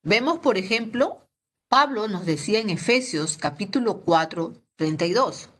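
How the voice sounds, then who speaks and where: A woman's voice: mid-range voice, expressive, moderate pace, a bit bright. A middle-aged woman teaching a Bible lesson to teenagers over a video call, chatty and ending many sentences with a questioning "¿no?". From Peru. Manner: conversational, tags most sentences with a questioning "¿no?".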